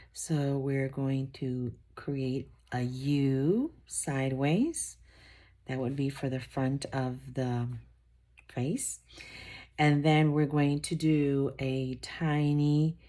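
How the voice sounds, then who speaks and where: A woman's voice: low voice, mellow. A woman teacher giving a patient, step-by-step drawing lesson for children, repeating each step and encouraging them.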